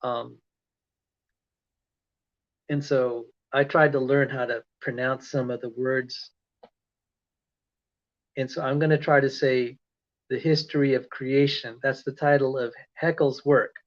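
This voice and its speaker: Speaking slowly with frequent pauses, a man with a medium-pitched, steady voice lectures casually on a livestream. He's from the Philippines but has an American accent, and he rambles, chats, and self-corrects over dull, lo-fi audio.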